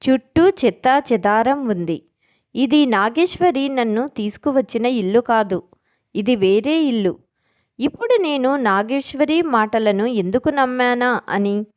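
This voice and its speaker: Brief: woman storyteller, lively pitch, fairly high voice, suspenseful scripted narration. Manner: expressive, suspenseful.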